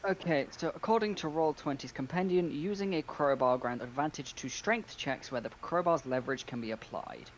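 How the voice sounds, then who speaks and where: A man's voice: fairly high pitch, moderate pace, few pauses, a little hiss or hum. A man playing in a tabletop game, checking rules in a matter-of-fact way. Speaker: player. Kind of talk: casual tabletop game chat.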